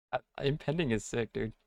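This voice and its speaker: A man's voice: medium pitch, darkish tone, no echo, clean studio sound. A man co-hosting a card game stream with casual, off-the-cuff commentary in laid-back slang. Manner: laid-back slang, says dude often.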